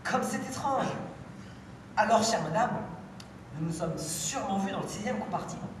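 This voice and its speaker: A teenage girl playing a prim, bewildered English gentleman in an amateur stage performance, formal and overly polite, heard from far off in an echoey hall. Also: medium pitch, lively intonation, moderate pace, background noise, lightly acted. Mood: puzzled politeness. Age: teens. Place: school show in a hall.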